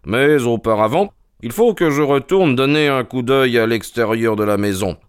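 A man voicing a calm, methodical detective who questions in a measured, inquisitive way. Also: mid-range voice, clear, resonant tone, no echo, studio quality, lightly acted. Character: sharp, calm male detective, keen and methodical. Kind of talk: audiobook character reading.

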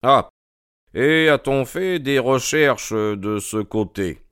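A man voicing a keen, precise male detective in an audiobook, raising his voice into quick, probing questions. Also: mid-range voice, smooth, no echo, studio quality, pitched above the performer's own voice. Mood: inquisitive. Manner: quick, questioning, excited interjections. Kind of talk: audiobook character reading.

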